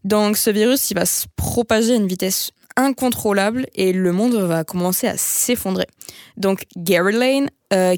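A woman's voice: medium pitch, a little mellow, no room sound. Casting: young woman, casual film chat, chatty, dry close recording. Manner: chatty, filler-laden, laughs at herself.

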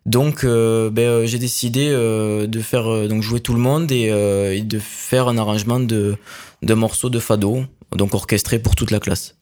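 A young man with a slightly low voice talks about his music as an interview guest. He hesitates often and fills pauses with "euh" as he goes. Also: steady tone, darkish tone. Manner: hesitant, many fillers. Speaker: accordionist guest. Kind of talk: casual interview answers.

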